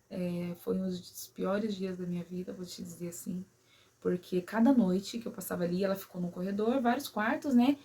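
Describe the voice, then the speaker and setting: Breathy woman, emotional personal story, soft trailing asides. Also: medium pitch. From São Paulo, Brazil. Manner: emotional, many "né?" and "sabe assim?" tags, quiet at sad moments. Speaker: vlogger.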